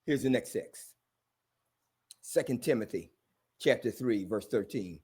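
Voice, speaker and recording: A man's voice: mid-range voice, measured pace, darkish tone, husky. A man hosting a sermon-style commentary, talking in an emphatic, repetitive preaching cadence. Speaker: host.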